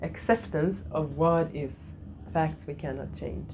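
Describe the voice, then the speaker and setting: Gentle woman teaching a yoga class. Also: low-pitched, measured pace, noisy background. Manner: gentle, repeats key phrases, laughs softly. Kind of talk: spiritual lesson to a class.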